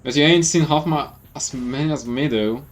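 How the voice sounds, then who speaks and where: A man's voice: on the high side, moderate pace, far from the mic, soft background music, lightly acted. A man voicing a cheeky young country boy who talks in a folksy, boastful drawl. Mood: stubborn.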